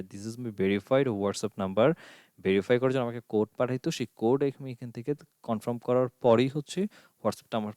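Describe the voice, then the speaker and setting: A man's voice: medium pitch, darkish tone, dry recording, studio quality. A man teaching an online course, explaining screen steps one by one and asking himself questions as he goes. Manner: explains step by step with rhetorical questions, mixing in English. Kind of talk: screen-share tutorial.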